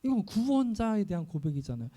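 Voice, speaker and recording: Male pastor, sermon, high pitch, mellow tone, earnest, frequent fillers. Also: big pitch swings, fast talker. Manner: earnest preaching with many fillers and voiced prayers.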